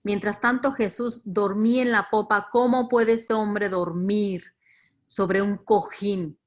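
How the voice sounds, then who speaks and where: A woman's voice: mid-range voice, steady tone, takes it slowly. A woman with a Latin American Spanish accent leading a virtual faith formation talk, reflective, repeating words and stressing key ideas. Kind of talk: virtual teaching reflection on scripture.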